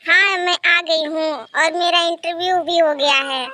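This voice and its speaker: A man's voice: very high-pitched, steady tone, a little slow, bright, forceful tone, exaggerated voice. A man voicing a meek young cartoon bride. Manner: meek, respectful. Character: humble polite young bride from a poor family. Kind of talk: cartoon voice acting.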